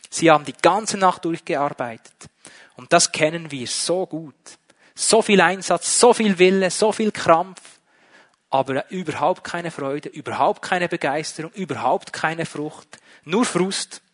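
A man preaches a sermon in a fairly high voice. He is emphatic and keeps asking his listeners rhetorical questions. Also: a bit bright.

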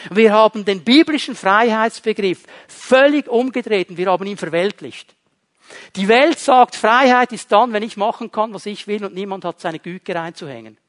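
Man, high voice, sermon, dramatic loud and quiet swings, conversational and joking. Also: normal speed. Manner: dramatic shifts between loud and quiet, addresses listeners directly; conversational with humorous asides. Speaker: preacher.

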